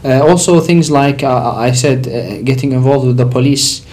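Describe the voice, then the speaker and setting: A man's voice: medium pitch, normal speed, a little mellow. A man originally from Iraq, a sheikh explaining religious questions on a call-in TV show, building emphasis on his key points. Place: TV studio.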